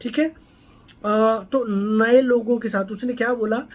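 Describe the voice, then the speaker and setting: A man's voice: very high voice, fairly even intonation, slow pace. Guy doctor explaining a case step by step, keeps asking "ok?" to the listeners. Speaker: homeopathy doctor. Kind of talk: explaining a patient case to students.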